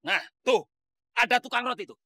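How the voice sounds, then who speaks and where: A boastful street thug. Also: male voice, extremely high pitch, lively intonation, normal speed, full character voice. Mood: bossy. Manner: bossy, boastful, shouty. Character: blustering small-time male street thug. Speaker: comic actor. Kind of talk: slapstick sitcom acting.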